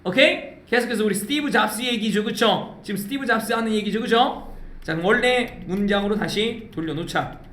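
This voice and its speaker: Man, grammar lecture, high voice, echoey room, repeat-after-me drills, constant check-ins. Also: brisk, a bit bright. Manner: drills students with call-and-repeat prompts; keeps checking understanding with tag questions. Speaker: English teacher.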